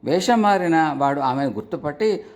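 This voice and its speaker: Animated male storyteller. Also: fairly high pitch, moderate pace. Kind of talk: storybook narration.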